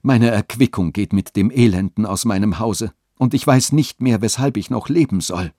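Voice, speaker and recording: A man's voice: medium pitch, animated, unhurried, darkish tone, dry recording, studio quality, pitched above the performer's own voice. Man voicing a lamenting old peasant woman. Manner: lamenting, agitated pleading. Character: frail old peasant woman, pious and fearful.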